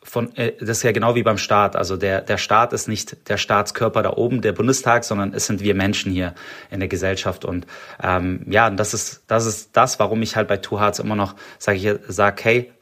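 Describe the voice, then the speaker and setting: Young guy from stuttgart, bit swabian, low voice, lots of ähs and restarts, just chatting. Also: steady tone, a little fast, fairly bright tone. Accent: slight Swabian. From Stuttgart, Germany. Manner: rambling, many filler sounds and restarts. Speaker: startup co-founder, podcast guest. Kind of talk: casual interview talk.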